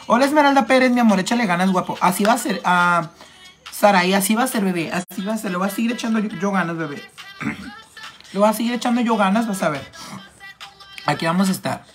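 A man with a Mexican accent chatting casually on a makeup livestream, reading viewers' comments aloud in a camp, flamboyant, gossipy way with playful swearing, while coming down with a cold and clearing his throat. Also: high-pitched, fast talker, a bit bright, faint music behind.

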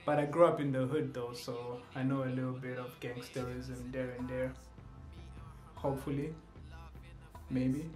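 In a small indoor room with shelves, a young man with a South African accent introduces himself casually for his video channel, joking playfully and switching into other languages. His mid-range voice is darkish in tone, and the close-range camera recording comes out reverberant.

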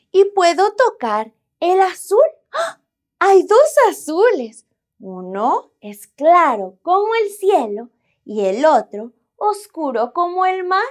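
A woman preschool teacher giving a lesson to toddlers, with a slow, exaggerated sing-song delivery. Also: sits high. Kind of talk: children's lesson.

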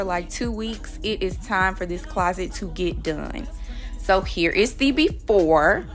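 A young woman chatting to her phone camera in a parked car, casual and expressive with slangy asides. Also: mid-range voice. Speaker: lifestyle vlogger. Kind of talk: casual vlog narration. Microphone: phone camera at arm's length.

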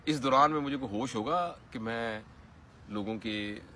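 A man's voice: mid-range voice, animated, moderate pace, creaky, bright, forceful tone, a little hiss or hum. A man giving an earnest motivational talk in a preaching manner, rising to emphatic peaks. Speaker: motivational speaker.

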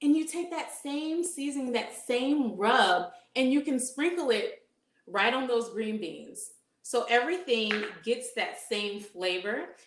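Upbeat woman teaching a cooking demo. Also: mid-range voice. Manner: upbeat, engaging the audience with questions. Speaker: dietitian cooking instructor. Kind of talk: live cooking demonstration. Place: home kitchen, indoors. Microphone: camera at medium distance. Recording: echoey kitchen room sound.

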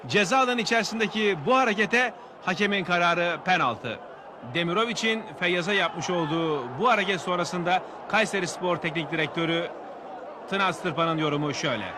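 A man narrating football match highlights as the commentator. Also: a little fast. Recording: loud crowd noise behind, noisy outdoor audio. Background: stadium crowd.

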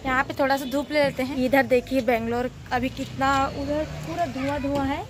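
A woman's voice: high voice, steady tone, normal speed, background noise. A woman in her twenties chatting casually as a home vlogger, showing viewers around. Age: 20s. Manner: chatty, shows things to viewers. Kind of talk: casual home vlog chat. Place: home kitchen and rooftop.

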